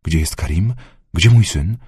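A man's voice: deep voice, a little slow, a little mellow, slightly rough, no room sound, clean studio sound, heavily acted. A man voicing a frightened middle-aged mother, half-conscious and mumbling faintly, in an audiobook. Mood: dazed frightened.

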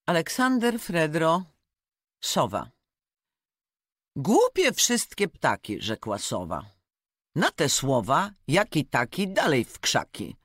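A reader reciting rhyming fables aloud in an expressive, rhythmic way. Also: mid-range voice, slow, dry recording, clean studio sound. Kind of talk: reading verse fables aloud.

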